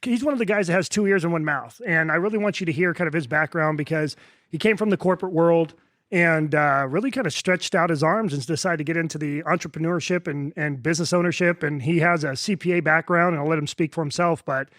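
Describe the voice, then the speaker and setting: A man's voice: on the high side, quick pace, fairly bright tone, dry recording, studio quality. A man hosting a podcast interview, enthusiastic and rambling as he introduces and questions his guest. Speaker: podcast host.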